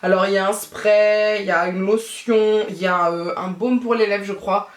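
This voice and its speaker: A woman's voice: mid-range voice, fairly even intonation, normal speed, distant mic. A woman from France chatting casually in a beauty vlog, rambling on as she does her makeup. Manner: rambling, talks while doing her makeup. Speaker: beauty vlogger. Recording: echoey room, voice off-mic.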